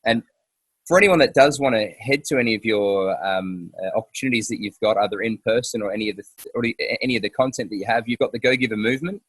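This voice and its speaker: A man's voice: on the low side, quick pace, breathy edge, no room sound. Hesitant man hosting. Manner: hesitant, with many fillers. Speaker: host. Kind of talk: casual interview talk. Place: outdoors.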